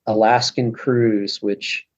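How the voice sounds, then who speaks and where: A man's voice: on the low side, level tone, takes it slowly, highs cut off. A man speaking as a podcast guest, rambling casually with many restarts. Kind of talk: casual conversation.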